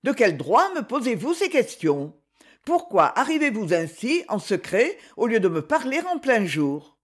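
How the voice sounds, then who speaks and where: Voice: mid-range voice, very animated, unhurried. A narrator voicing a proud young woman who answers with firm, scornful defiance.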